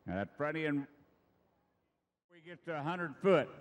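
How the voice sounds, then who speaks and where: A man's voice: fairly high pitch, expressive, unhurried. A middle-aged American man giving live event commentary as a tractor pull announcer in a folksy, emphatic way, repeating himself for effect.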